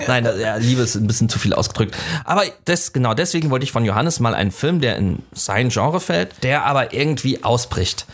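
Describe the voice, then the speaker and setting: A man's voice: medium pitch, lively intonation, moderate pace. A man co-hosting a film podcast at a kitchen table, chatting casually, often stumbling and restarting his sentences and laughing along. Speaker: podcast co-host.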